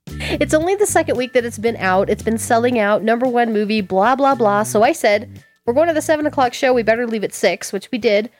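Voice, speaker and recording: A woman's voice: fairly high pitch, animated, brisk, faint music behind. A woman telling a story at length, acting out other people's lines in a raised voice. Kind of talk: animated storytelling.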